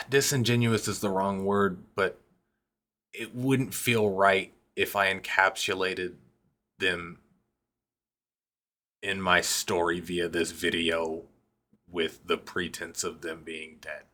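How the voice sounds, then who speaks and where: A man's voice: sits low, little pitch movement, takes it slowly, long pauses, pushed and bright. A young man, a rapper and vlogger, telling a personal story in a casual, profane, rambling way that keeps cutting itself off. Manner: profane, rambling, self-interrupting.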